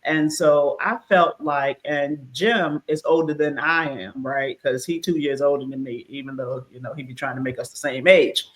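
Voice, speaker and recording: A woman in her fifties hosting a casual talk show, lively and quick to laugh with playful asides. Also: low-pitched, low-quality recording. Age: 50s. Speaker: host. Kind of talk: casual chat.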